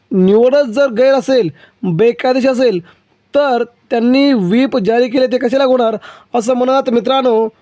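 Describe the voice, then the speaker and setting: Man, very high voice, dark tone, news presenter, explains emphatically to viewers, dry dull lo-fi recording. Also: no echo.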